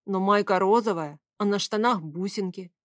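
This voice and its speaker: A man's voice: sits high, normal speed, fairly bright tone, no echo, clean studio sound. A woman reading the part of a fussy grown man asking for clothes in an audiobook, in a wheedling tone.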